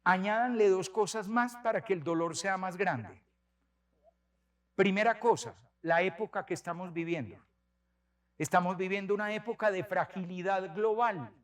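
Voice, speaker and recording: A priest in his sixties giving a sermon, telling stories with animated delivery and repeating words for emphasis. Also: sits high, normal speed. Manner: animated storytelling, many repetitions.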